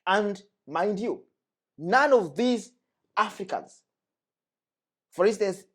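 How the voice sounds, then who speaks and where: Taking his time, a young man from the Democratic Republic of Congo makes his case as a guest, earnest and emphatic, and repeats his key points. His voice sits high and is a bit bright, with lively intonation.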